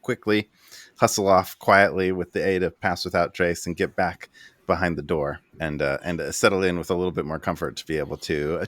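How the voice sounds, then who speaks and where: Low-voiced male game master, conversational. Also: bright, forceful tone. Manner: halting, conversational. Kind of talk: improvised tabletop game narration.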